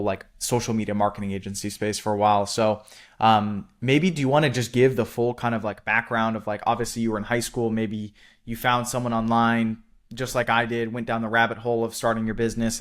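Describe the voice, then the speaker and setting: A man hosting a casual interview, chatty and loose in his phrasing, with quick affirmations. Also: lowish voice. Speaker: interviewer host.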